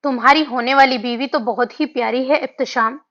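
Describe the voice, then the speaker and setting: An affectionate young wife, warm and teasing with her family , as a woman reads her. Her voice is fairly high and the recording sounds muffled and lo-fi. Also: steady tone, brisk. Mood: tender. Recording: dull lo-fi audio.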